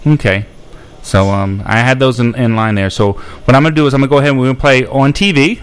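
Male radio host, clear resonant voice, friendly and rambling with callers. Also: medium pitch, quick pace. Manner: friendly, rambling, many ums and restarts. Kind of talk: casual radio chat with phone callers.

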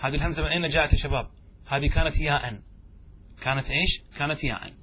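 A man's voice: fairly high pitch, fairly even intonation, very fast, bright, forceful tone, husky. A man teaching a classroom grammar lesson as a sheikh. He keeps asking the students questions, repeats the answers and drags out key words for emphasis.

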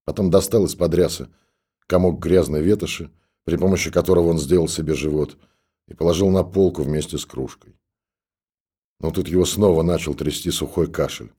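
Male audiobook narrator, low and mellow, measured delivery. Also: slightly rough.

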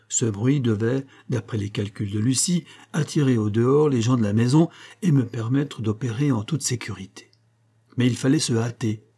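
A man narrating a classic short story in a measured, expressive storytelling manner. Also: mid-range voice, slightly rough. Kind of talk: literary audiobook reading.

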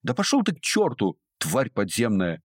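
A man's voice: low-pitched, lively intonation, normal speed, fairly bright tone, no echo, clean studio sound. A man voicing a furious, defiant young woman held captive, who shrieks and hisses her threats. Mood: furious screaming. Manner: shrieking, hysterical.

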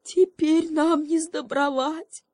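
Woman doing a whiny donkey, high. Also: little pitch movement, measured pace, darkish tone, no room sound, clean studio sound. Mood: whining. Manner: whining.

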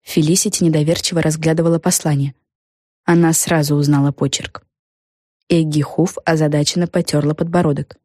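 A woman narrating a children's audiobook in a lively, expressive reading. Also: low-pitched, a little fast, no room sound, studio quality. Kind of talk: scripted storybook narration.

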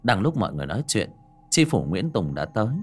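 Low-voiced, animated male storyteller. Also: fast, breathy edge. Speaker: audiobook narrator. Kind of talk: dramatic scripted horror-fantasy narration. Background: background music.

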